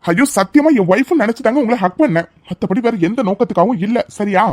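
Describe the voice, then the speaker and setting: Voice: medium pitch, animated, fast talker, close to an everyday voice. A voice actor playing a flustered young husband in a cartoon dub, pleading and confused.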